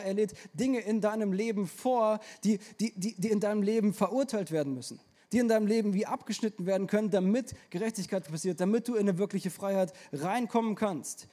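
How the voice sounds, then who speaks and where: A young man delivers a lively sermon. His voice sits high for a man, and he talks in a casual, slangy way. He speaks straight to the people in front of him. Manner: casual youthful slang, energetic, addresses the audience directly. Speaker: preacher.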